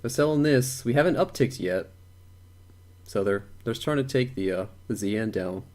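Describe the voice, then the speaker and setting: A man's voice: on the low side, lively intonation, moderate pace, a little mellow. A young man thinking aloud while day trading on a live stream, repeating words and chuckling to himself.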